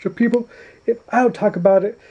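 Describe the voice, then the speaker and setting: Man, mellow slightly high voice, preachy emphatic vlog rant, throat-clearing. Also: fairly even intonation, a little fast, rough recording. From United States. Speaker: YouTuber. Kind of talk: opinionated political vlog rant. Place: indoors at home at night.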